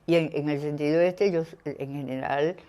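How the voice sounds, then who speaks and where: An older woman from Venezuela, speaking as an interview guest in a reflective conversation, pausing often to search for her words. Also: deep voice, fairly even intonation, warm tone. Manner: thoughtful, pauses to search for words.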